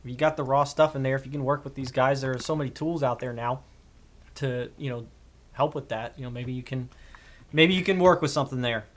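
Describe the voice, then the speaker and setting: A man hosts a live sports panel over a video call. His voice sits at a middle pitch, and he moves briskly through lists of names before letting his sentences fade out quietly. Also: slight background noise. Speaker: draft show host.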